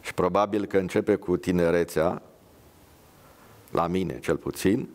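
A man reading his drama aloud and reflecting in a measured way, pausing often. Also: low voice. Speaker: writer reading his work.

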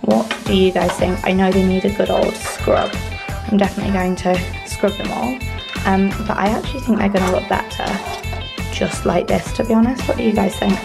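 A woman's voice: medium pitch, fairly even intonation, normal speed, vocal fry, over music. A young woman in her twenties chatting enthusiastically to camera in a casual vlog. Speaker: lifestyle vlogger. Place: bedroom walk-in wardrobe, indoors. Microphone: camera on a stand, close. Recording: roomy echo.

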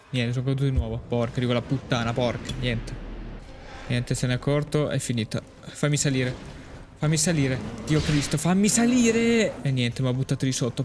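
A man giving live gameplay commentary, excitable, with frequent exclamations and cursing at the game. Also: medium pitch. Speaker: gaming video creator. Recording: steady background noise.

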